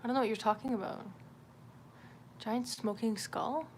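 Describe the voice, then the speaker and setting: This livestream host has a fairly high, slightly mellow voice with fairly even intonation and a normal speaking speed. Drawing as she goes, she chats in a loose, sweary, self-deprecating way. Room ambience and background noise come through clearly.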